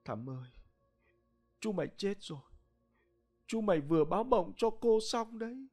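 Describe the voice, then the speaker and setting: A man's voice: fairly high pitch, very animated, a little slow, darkish tone, faint music behind, exaggerated voice. A man voicing an older village wife who coaxes her husband and later cries over his death. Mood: tearful. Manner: coaxing, then tearful. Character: frightened older village wife, fussing then terrified.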